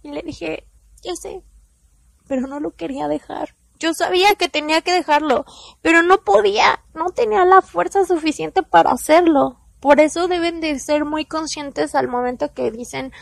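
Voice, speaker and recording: A young woman with a Mexican accent speaking candidly to her viewers in a personal storytime, in slangy, confessional talk that drops soft at times. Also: high-pitched, normal speed, creaky, dry recording.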